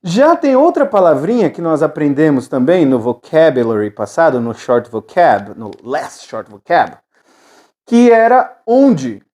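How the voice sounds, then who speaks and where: A Brazilian woman teaching English in an online video lesson, drilling phrases with steady repetition and moving between Portuguese and English. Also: low voice, measured pace. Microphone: camera with ring light.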